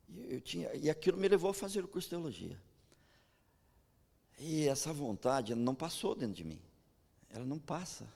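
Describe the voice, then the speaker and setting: A Brazilian man preaching in a large church, his voice gravelly and a little husky with a long reverb trailing behind it. He tells stories as he preaches and stumbles into stammered restarts, with a Brazilian Portuguese accent. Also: mid-range voice. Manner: storytelling, animated, frequent stammered restarts. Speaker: pastor. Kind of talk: sermon with personal stories. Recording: echoey church hall.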